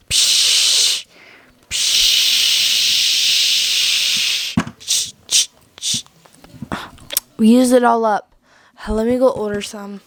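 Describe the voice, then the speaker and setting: A woman voicing a calm, helpful mom doll in doll pretend play, talking gently and without hurry. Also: fairly high pitch, gravelly, dry recording. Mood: busy.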